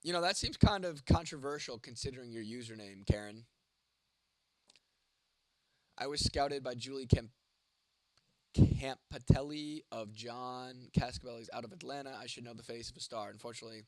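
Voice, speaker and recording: A man's voice: mid-range voice, fairly bright tone, dry recording. Profane young man answering his stream chat. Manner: profane, rambling, answers chat comments by name. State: sore throat, coughing. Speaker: livestream host reading chat. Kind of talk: casual livestream chat.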